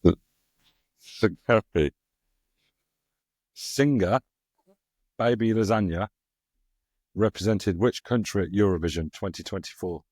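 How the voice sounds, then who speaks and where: A man's voice: lowish voice, takes it slowly, long pauses, a little mellow, dry recording. A man hosting a casual podcast chat, reading out quiz questions and laughing along with his friends. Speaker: podcast host running a quiz.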